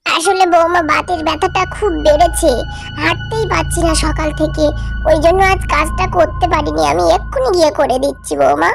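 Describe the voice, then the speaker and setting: A woman voicing a frail, meek elderly mother-in-law in a cartoon drama, speaking softly and pleadingly. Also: very high-pitched, fairly even intonation, gravelly, over music. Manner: pleading, soft and slow. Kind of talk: cartoon voice acting.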